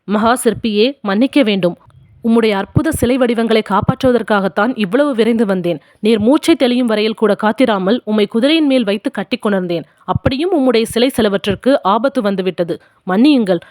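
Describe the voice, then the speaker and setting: A woman voicing a gentle male monk disguised as a king, speaking in a calm, measured way in an audiobook. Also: a little high, no room sound, studio quality, natural voice.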